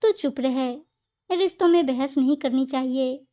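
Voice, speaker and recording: Storybook role: gentle older mother-in-law, mild and soft-spoken, read by a woman. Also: high-pitched, unhurried.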